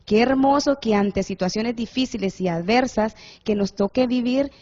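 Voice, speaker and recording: Woman calmly retelling a Bible story. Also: on the high side. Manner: measured, storytelling retelling of scripture. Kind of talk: Bible-based reflection. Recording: slightly muffled lo-fi recording.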